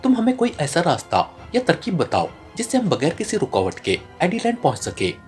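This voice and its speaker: A narrator voicing a calculating male secret agent who speaks in a flat, icy, menacing tone in an audiobook. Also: mid-range voice, a little fast, soft background music. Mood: cold. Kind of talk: audiobook character reading.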